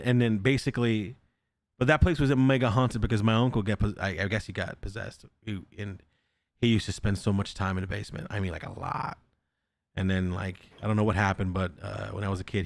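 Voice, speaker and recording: This podcast host is a young man with a lowish, creaky voice who talks briskly, recorded with no echo. He relays a ghost story loosely and with lots of energy, cursing frequently and acting out what each character says.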